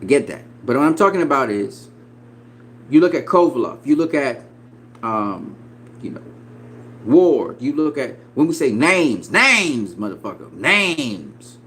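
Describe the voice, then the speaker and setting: A man in his forties giving casual, profane boxing opinions, swinging between loud emphatic bursts and quiet asides. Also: medium pitch, big pitch swings, a little slow, poor audio. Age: 40s. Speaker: boxing commentator.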